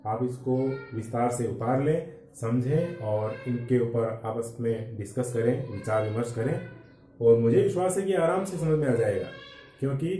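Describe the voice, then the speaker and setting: A man teaching Hindi grammar for exam preparation, explaining slowly and drawing out vowel sounds. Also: medium pitch, mellow, recorded from a distance, soft background music. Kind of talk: exam-prep lecture. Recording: echoey room, voice from off-mic.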